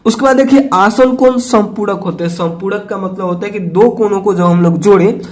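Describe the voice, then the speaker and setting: A man's voice: high-pitched, moderate pace, darkish tone. A man talks through a school math lesson. He goes step by step, repeats key terms, and keeps asking the students whether they follow. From Bihar, India. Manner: repeats points patiently, tags lines with a checking "okay". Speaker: math teacher.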